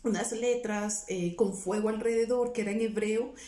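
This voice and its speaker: A woman's voice: medium pitch, fairly even intonation, normal speed, dark tone. A woman giving an earnest, emotional personal testimony, often repeating her words and quoting her own past pleas. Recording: roomy, somewhat distant from the mic.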